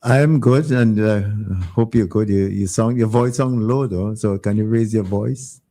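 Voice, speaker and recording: A man's voice: lowish voice, moderate pace, mellow. A man hosting a phone-in programme, moderating callers in a casual, polite way.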